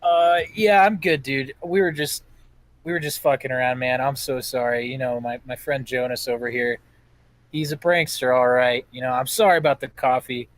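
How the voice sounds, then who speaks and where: A man's voice: mid-range voice, fairly even intonation, normal speed, no room sound. A man playing a tabletop role-playing game, chatting loosely and swearing casually. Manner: loose, swearing, apologetic banter. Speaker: player.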